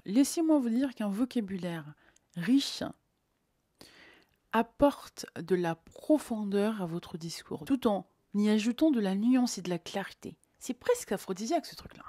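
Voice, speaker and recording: A woman's voice: mid-range voice, a little slow, dry recording, studio quality. A woman giving job interview advice on her channel in an emphatic, playful manner. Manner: emphatic, playful, lively teaching tone. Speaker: vlogger and recruitment coach. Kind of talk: advice vlog.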